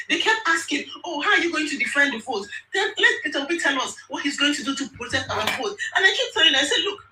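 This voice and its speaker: In an online audio room, a woman from Lagos with a Nigerian accent delivers an impassioned, indignant political rant, repeating words for emphasis. Her voice is high and sharp, picked up by a distant mic in a roomy space with faint noise.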